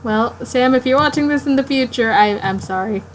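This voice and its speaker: A woman's voice: high-pitched, a little hiss or hum, low-quality recording. Sleepy woman rambling while she draws. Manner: rambling, halting, talks to herself while drawing. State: sleepy, yawning late at night. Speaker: art streamer. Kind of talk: casual live-stream self-talk.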